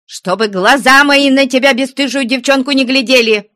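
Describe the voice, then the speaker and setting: A woman voicing a good-natured older nun who scolds the convent girls in a high, indignant voice. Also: sing-song, measured pace, darkish tone, no echo, clean studio sound. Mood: furious. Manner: scolding, shrill, scandalized.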